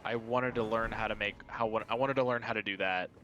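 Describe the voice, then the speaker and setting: A man chatting excitedly and casually while playing a co-op game. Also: fairly low pitch, brisk, highs cut off, faint music behind. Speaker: streamer playing co-op. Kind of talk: casual gaming chat.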